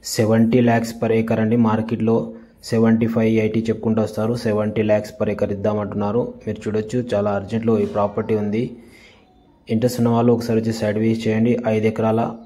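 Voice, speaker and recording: A man giving a casual tour of farmland for sale, repeating his sales pitch with polite fillers, outdoors on a rural farm. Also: monotone, fast talker, dark tone. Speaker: property dealer showing land. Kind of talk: casual property tour vlog.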